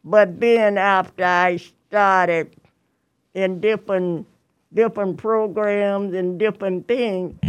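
Slow-talking, rambling hundred-year-old woman. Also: medium pitch, fairly even intonation, clean tone. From Tennessee, USA. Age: 100. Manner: rambling, repeats phrases, laughs often. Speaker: choir member, interview guest. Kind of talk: casual interview chat.

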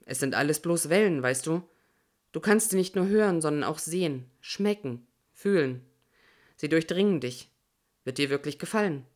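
Audiobook: narrator gives a hushed, low, soft-spoken man a quiet read. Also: normal speed. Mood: coaxing. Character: imagined man, soft, coaxing, later resigned.

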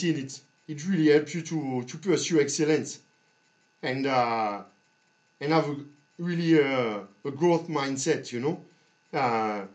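Slow-speaking, halting male podcast host. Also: a little high, darkish tone. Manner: halting, with long pauses and repeated words. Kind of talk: motivational monologue for a podcast.

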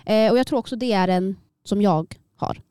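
A woman's voice: mid-range voice, mellow, clear, resonant tone, no room sound, clean studio sound. A young woman co-hosting a podcast in casual chat, talking hesitantly with many fillers and laughing easily. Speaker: podcast co-host.

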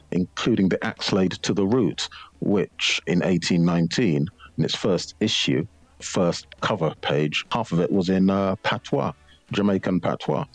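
Man author, thoughtful, emphatic, deep voice, dry close sound, faint music. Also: dry recording, poor audio. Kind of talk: reflective interview talk.

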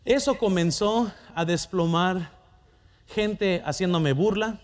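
A man's voice: high voice, takes it slowly. A middle-aged man preaching a sermon, telling a personal story and asking the congregation questions.

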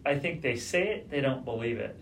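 A man's voice: mid-range voice, animated, fairly quick, gravelly, fairly bright tone. A man chatting casually as a podcast guest, speaking through a face mask that slightly muffles his voice. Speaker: podcast guest, registered dietitian. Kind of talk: casual chat. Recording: muffled, distant from mic, background noise.

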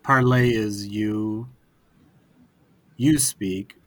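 A man's voice: lowish voice, steady tone, drawn-out words, no echo. A man co-hosting a casual beer podcast, teasing the others and laughing a lot. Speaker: podcast co-host.

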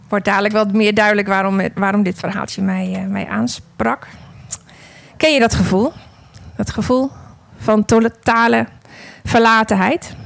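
Gentle, gravelly-voiced woman storyteller. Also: on the high side, dry recording. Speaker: speaker sharing a parable and testimony. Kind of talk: devotional storytelling.

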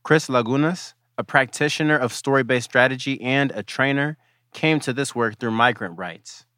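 Bright, dry-voiced male narrator. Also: medium pitch, moderate pace, no echo. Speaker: host, narrator. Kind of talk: scripted narration.

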